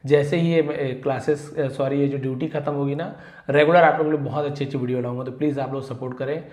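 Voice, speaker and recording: A man teaching English vocabulary in a YouTube lesson, stressing each English word loudly before explaining it, sounding tired from long work hours. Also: mid-range voice, steady tone, fast talker, echoey room.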